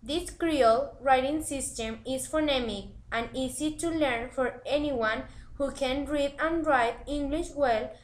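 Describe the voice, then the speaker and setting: A woman presenting a scripted language lesson, reading it aloud in a deliberate way. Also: high voice, low-quality recording.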